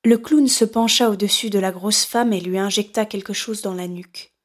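Woman, audiobook narrator, steady measured reading, mid-range voice. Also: mid-range voice. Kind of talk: scripted narration.

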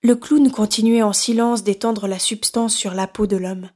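Woman narrating a dark audiobook. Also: mid-range voice, fairly even intonation, normal speed. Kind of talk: scripted narration.

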